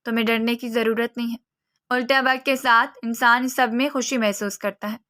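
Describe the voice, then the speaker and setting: A woman reading a storybook and voicing a young woman friend who speaks softly and reassuringly. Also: fairly high pitch, fairly even intonation. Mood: soothing. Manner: soft, soothing.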